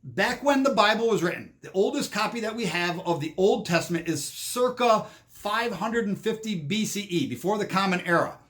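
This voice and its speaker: Brief: man, slightly high voice, rambling monologue commentary, frequent restarts. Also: expressive, normal speed, fairly bright tone. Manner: rambling, repeats words and restarts.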